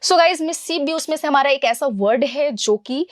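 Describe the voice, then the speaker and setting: A woman's voice: sits high, normal speed, dry recording, studio quality. A young woman teaching an exam-prep grammar lesson, calling her students "beta" and asking questions she then answers herself. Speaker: English teacher.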